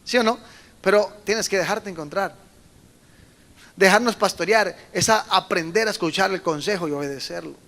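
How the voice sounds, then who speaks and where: A man's voice: sits high, normal speed, vocal fry. A middle-aged man preaching a sermon to young people, telling stories and acting out voices with emphatic bursts. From Colombia. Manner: animated storytelling, acts out quoted voices, emphatic bursts. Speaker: pastor. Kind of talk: sermon to a youth meeting.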